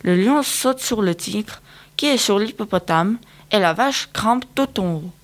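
A woman narrating a children's picture-book audiobook in a lively, engaging way, speaking directly to young listeners. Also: mid-range voice, unhurried, slight background noise.

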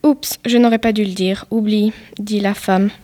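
A woman's voice: mid-range voice, fairly even intonation, moderate pace, warm tone, no echo, natural voice. A woman reading the lines of a female interrogator at a secret hideout, in her own plain voice. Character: female interrogator, polite then careless.

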